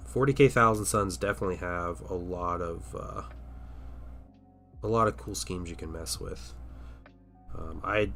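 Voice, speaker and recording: A man hosts a casual livestream while painting miniatures, his voice sitting low with a bit of brightness, nasal and stuffy from a cold. He rambles and hesitates, sinking into murmurs as he works.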